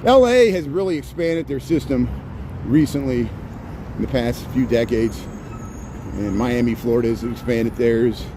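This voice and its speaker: A man's voice: mid-range voice, measured pace. Chatty man streaming on a noisy street. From Indiana, US Midwest. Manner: rambling and chatty, laughs often. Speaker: livestream host. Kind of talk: casual walking livestream chat. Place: outdoors on a busy city street. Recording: street traffic noise behind.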